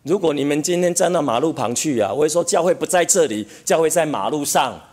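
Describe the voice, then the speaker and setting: A man's voice: a little high, expressive, fast talker, a little mellow. A male pastor preaching a sermon in a church, questioning the congregation as he goes. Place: church chapel.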